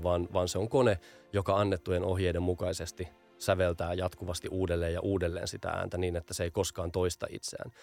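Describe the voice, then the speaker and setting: A man's voice: low voice, gravelly, darkish tone. A man being interviewed as an audio branding expert, explaining patiently and often repeating small fillers while he thinks.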